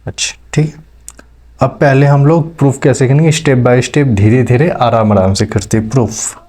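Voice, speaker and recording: A man's voice: mid-range voice, fairly even intonation, moderate pace, mellow. A man teaching maths step by step, checking in with his students as he explains. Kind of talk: classroom lecture.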